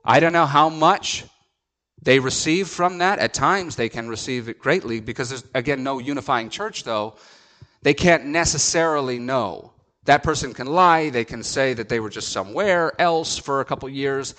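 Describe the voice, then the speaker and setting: A man's voice: medium pitch, normal speed, a bit bright. A man, a pastor, telling a story from the pulpit in an earnest, emphatic sermon.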